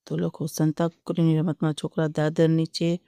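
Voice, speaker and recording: Teacher, methodical dictation of answers, smooth clear voice, flat delivery. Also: medium pitch, moderate pace, no echo, studio quality.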